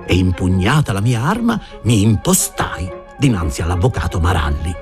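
A man reading a first-person story aloud, expressive and giving voices to the characters. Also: low-pitched, normal speed, music in the background. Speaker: audiobook reader.

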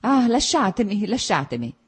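A woman reading aloud and voicing a distraught, betrayed wife with a husky voice, loud and accusing. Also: medium pitch, big pitch swings, normal speed, voice pushed up. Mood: despairing.

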